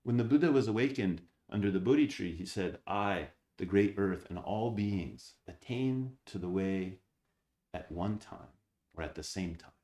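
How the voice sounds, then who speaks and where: Low mellow guy giving a zen dharma talk, reads old texts slow then asks questions, echoey room. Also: expressive. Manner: reads texts aloud slowly, then explains with rhetorical questions.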